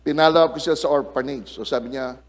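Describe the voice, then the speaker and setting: A man's voice: medium pitch, quick pace. A middle-aged male pastor preaching a sermon to his congregation in church, telling stories and calling out for amens. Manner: lively, calls out to the congregation for amens. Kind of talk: sermon with storytelling. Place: church service before a congregation.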